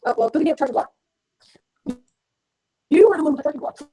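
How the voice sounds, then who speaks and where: Woman, tabletop player, high voice, heard through a muffled underwater-sounding bluetooth headset mic. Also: brisk, dark tone, dry recording. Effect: garbled, underwater-sounding bluetooth headset mic. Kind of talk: casual chat on a voice call.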